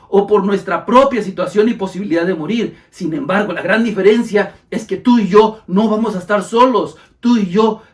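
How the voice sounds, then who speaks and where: Male preacher with a raised pitch, fervent and repetitive, speaking as if to a brother. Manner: fervent, repeats phrases for emphasis, addresses listener as brother.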